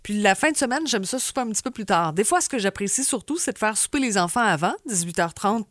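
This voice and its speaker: A woman's voice: medium pitch, animated, fast talker, fairly bright tone, no echo, studio quality. A woman with a Québécois accent co-hosting a radio show, chatty and teasing with her partner. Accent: Québécois French. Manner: chatty and teasing, laughs easily. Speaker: radio co-host. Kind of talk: casual radio chat.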